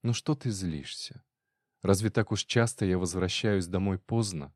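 A man with a low voice reading the lines of a cool, defiant actress wife in an audiobook, in a calm, cold tone. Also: measured pace, dry recording, clean studio sound. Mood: calm scornful. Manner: cold, calm, then sharp.

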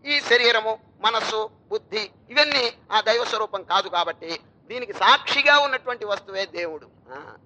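A man's voice: sits high, moderate pace, bright, forceful tone, low-quality recording. A male swami giving a storytelling sermon, asking rhetorical questions and chanting verses. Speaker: swami giving religious discourse.

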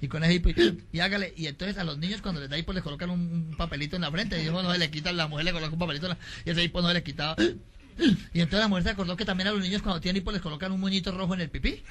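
A man telling jokes live, in lively storytelling that breaks into shouts and laughter, on a noisy live recording. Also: high voice, rapid-fire. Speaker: stand-up joke teller.

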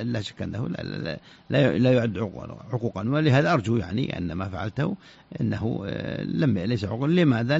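A man's voice: medium pitch, vocal fry, darkish tone, slightly rough. A man, an Islamic scholar, answers listener questions on the radio, often stopping and restarting his words. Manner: halting, many restarts and repeated syllables. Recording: dull lo-fi radio recording.

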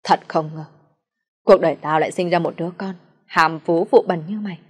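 A woman with a low voice reading the lines of a stern, quick-tempered middle-aged father who rebukes his son. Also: steady tone. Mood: enraged.

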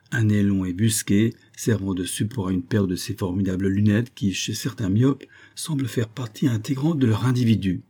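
Deep, husky male audiobook narrator. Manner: measured, expressive reading.

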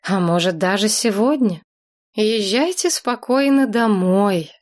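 A woman voicing a calm, polite middle-aged man who speaks in an unruffled, soothing way. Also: mid-range voice, slow. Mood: reassuring.

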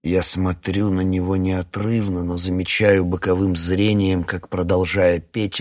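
Low husky guy narrating an audiobook, slow calm and measured. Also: no echo, clean studio sound. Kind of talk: first-person audiobook narration.

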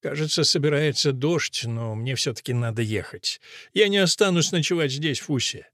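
A man reading an audiobook, voicing a weary, patient old man who mutters and tries to calm his friend. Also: a little high, normal speed, no echo, clean studio sound. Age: older. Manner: muttering, calming.

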